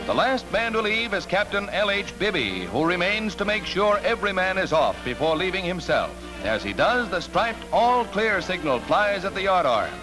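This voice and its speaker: A man's voice: sits high, sing-song, moderate pace, few pauses, low-quality recording. A man giving dramatic, emphatic 1940s newsreel narration on an old newsreel soundtrack. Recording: old newsreel narration over loud music.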